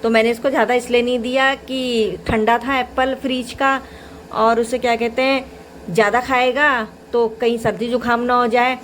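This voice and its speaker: A young woman with a slightly high voice, chatting to the camera in a casual daily vlog. She talks easily and at length about her day and her baby son while she cooks and cleans. She records at home in her kitchen. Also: level tone, normal speed, fairly bright tone, a little hiss or hum. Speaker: vlogger and mother.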